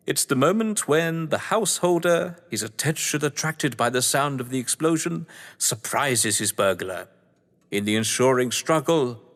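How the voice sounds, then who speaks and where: In an audio-drama stage play, a male actor voices an older British gentleman villain: a theatrical, scheming upper-class crime novelist who hosts a manor. His high-pitched delivery is florid, pompous and sardonic, wry and relishing, echoing in a hall.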